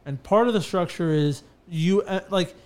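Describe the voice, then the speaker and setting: A man's voice: high voice, normal speed. A man who runs a bathtub refinishing business, chatting casually on a podcast and telling stories with lots of fillers and restarts. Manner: animated storyteller, many fillers and restarts.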